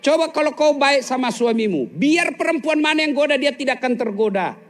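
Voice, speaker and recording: A man's voice: very high voice, expressive, a little fast. A man preaching a humorous sermon to a live audience, teasing listeners and acting out little scenes. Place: police headquarters hall with audience.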